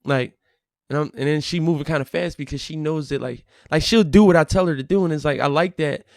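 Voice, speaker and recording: A man's voice: on the high side, brisk, creaky, dry recording, studio quality. A young man telling stories with earnest feeling and quoting himself as he talks, in a casual podcast conversation. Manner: earnest, animated storytelling with acted quotes. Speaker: podcast guest.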